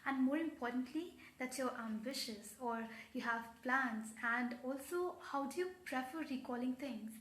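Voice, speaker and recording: A young woman with an Indian accent speaks in a high voice, with the poised, earnest delivery of a pageant contestant answering judges. She is giving instruction in a formal, carefully worded way. The sound is roomy and echoing. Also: normal speed, hardly any pauses, fairly bright tone. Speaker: pageant coach giving tips.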